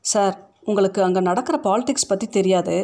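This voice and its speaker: A woman's voice: mid-range voice, moderate pace, warm tone, close to an everyday voice. A woman voicing a young office worker who complains by habit and teases lightly in a read-aloud short story. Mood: complaining, teasing. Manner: grumbling, then teasing.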